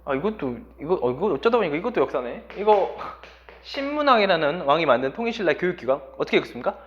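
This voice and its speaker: A man with a fairly high voice talks quickly through a muffled recording as he teaches a language class. He's lively and keeps quizzing his students while he explains.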